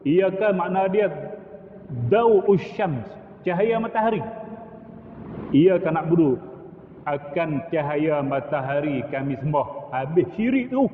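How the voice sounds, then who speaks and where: A man's voice: on the high side, lively intonation, slow, a little hiss or hum. A middle-aged male religious teacher, lecturing in a mosque on correct recitation and chanting Arabic phrases as examples. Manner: demonstrates recitation, chanting Arabic phrases between plain explanation. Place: mosque hall. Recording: tinny echoey hall recording.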